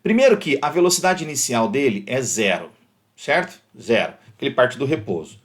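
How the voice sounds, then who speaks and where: A man with a Brazilian Portuguese accent, a physics teacher explaining exam problems in a video lesson, lively and animated, acting out little scenes. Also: medium pitch, fairly quick. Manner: lively, animated, acts out shouts in the example.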